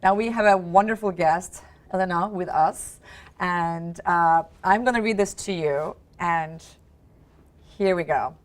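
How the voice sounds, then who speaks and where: A middle-aged woman hosts a relaxed chat, talking in a loose, easygoing way with many fillers and light laughs. The sound is dry and close, with no room echo. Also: fairly low pitch, measured pace. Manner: chatty, full of fillers and soft laughs. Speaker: host. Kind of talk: casual chat.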